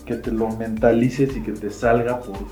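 A man's voice: medium pitch, level tone, moderate pace, dark tone, reverberant, soft background music, low-quality recording. A man, hosting a podcast and asking long, rambling questions. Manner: rambling, filler-heavy questions. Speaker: podcast host. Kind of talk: casual interview talk.

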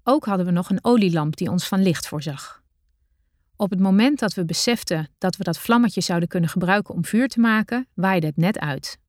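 A woman narrating her own adventure story in the first person, with a measured, deliberate reading style. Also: fairly low pitch, lively intonation, darkish tone, dry recording, studio quality.

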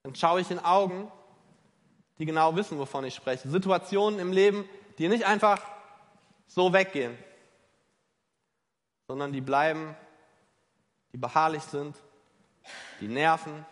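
A man's voice: a little high, measured pace, long pauses. A man preaching a sermon, emphatic and questioning his listeners directly. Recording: long reverb of a large hall.

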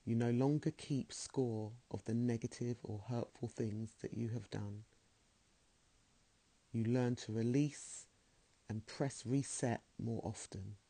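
A man leading a guided meditation in a slow, soothing, soft-spoken way. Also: medium pitch, steady tone, no room sound.

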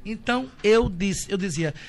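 A man's voice: high-pitched, normal speed, creaky. A man, telling stories as a guest in a casual interview, flamboyant and full of acted-out dialogue. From Brazil. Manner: animated, flamboyant storyteller who acts out dialogue. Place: indoor room with cameras.

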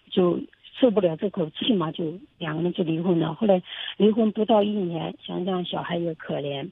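Calling in to an advice show over the phone, a woman speaks hesitantly and keeps repeating herself. Her voice is on the low side, slightly rough with vocal fry, and the phone-line audio has no echo.

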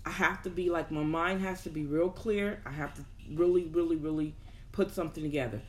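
The host of a personal development show talks casually and motivationally to an audience, thinking aloud and repeating words for emphasis. The voice is mid-range and steady, moving fairly quickly.

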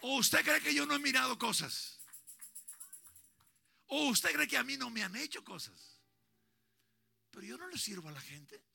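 A man in his sixties preaching a sermon at a church service, swinging from hushed tender talk to shouted preaching. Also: very high-pitched, lively intonation, normal speed, long pauses, faint music behind. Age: 60s. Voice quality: gravelly. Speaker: pastor. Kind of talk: Pentecostal-style preaching.

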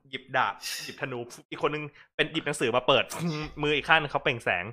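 Brief: male game master, bright, courteous live-stream narration. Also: a little high, fairly even intonation, fast. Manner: polite narration with frequent "krub phom".

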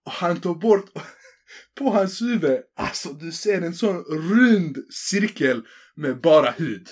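A man's voice: fairly high pitch, animated, a little mellow. A young man in his twenties telling a story in casual chat, acting out quoted voices and throwing in English swear words.

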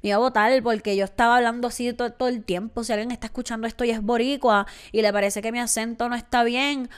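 A young woman hosts her own podcast, talking in a chatty, self-mocking way and slipping into little voices for the people she quotes. Her voice sits a bit high and sounds smooth and crisp. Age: 20s. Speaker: podcast host. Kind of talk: casual solo monologue.

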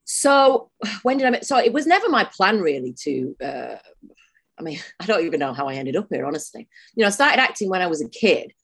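A woman's voice: lowish voice, sing-song, fairly quick, vocal fry, slightly rough, no echo, clean studio sound. A woman in her forties with a Mancunian accent, an actress chatting as a podcast guest, enthusiastic and laughing often. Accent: Mancunian English. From Manchester, England. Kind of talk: casual interview chat.

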